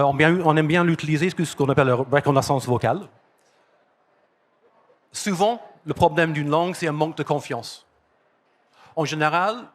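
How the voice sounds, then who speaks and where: A man with an English accent and a somewhat raised pitch gives a lively conference talk. He is from London, and the language is not his first. He drives home key phrases by repeating them. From London, England. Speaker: conference speaker. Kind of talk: conference presentation. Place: conference hall.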